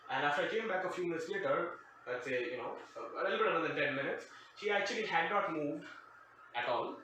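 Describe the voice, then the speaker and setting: A storytime show host who grew up abroad speaks fast and expressively in a fairly high, pushed, bright voice. His casual comic anecdote is sarcastic, wry and digressive. Faint noise accompanies the very echoey, distant-mic recording.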